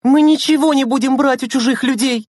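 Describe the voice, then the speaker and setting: A woman's voice: on the low side, animated, brisk, a little mellow, breathy edge, no room sound, studio quality, pitched above the performer's own voice. A woman reading a storybook and voicing a stern, weary teenage older sister who scolds her siblings. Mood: scolding. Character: harried older sister, teen girl, stern and tired.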